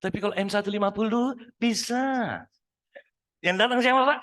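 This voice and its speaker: Animated male speaker, high voice, demonstrating tones for the congregation. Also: normal speed. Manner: animated, demonstrates different voices, addresses men as "Pak". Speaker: speaker at a midday mosque study session. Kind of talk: lively motivational talk with voice demonstrations.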